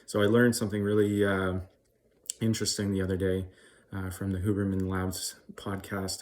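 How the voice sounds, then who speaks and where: A man talking casually to his vlog, hesitant and halting, shivering after time in ice cold water. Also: low-pitched, darkish tone. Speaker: vlogger.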